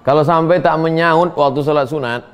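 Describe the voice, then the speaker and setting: A middle-aged man, a preacher answering listeners' questions in a humorous, animated sermon. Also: a little high, a little fast, clear, resonant tone, faint music behind. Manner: humorous, animated, acts out quoted voices; reads listeners' questions aloud, then answers.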